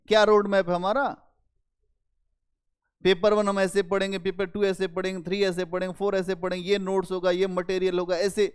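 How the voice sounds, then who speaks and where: A male history teacher giving a lively, conversational classroom lecture and talking straight to his students. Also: sits high, smooth. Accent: Hindi-speaking North Indian. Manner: animated, conversational, addresses students directly.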